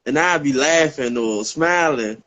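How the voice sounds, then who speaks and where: A man's voice: on the high side, a little slow, fairly bright tone, poor audio. A man co-hosting a casual podcast chat, blunt and profane, laughing things off. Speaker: co-host. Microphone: video call.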